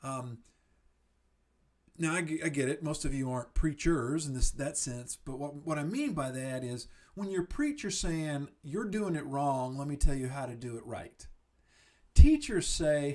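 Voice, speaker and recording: A middle-aged man presenting a recorded slideshow lecture, earnest and encouraging, often restarting his words. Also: mid-range voice. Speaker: student services presenter. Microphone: computer mic on a video lecture.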